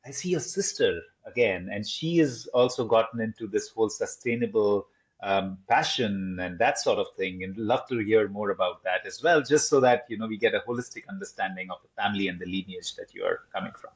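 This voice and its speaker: A podcast host with a fairly low voice speaks briskly, posing long, winding interview questions. The audio is dull and lo-fi.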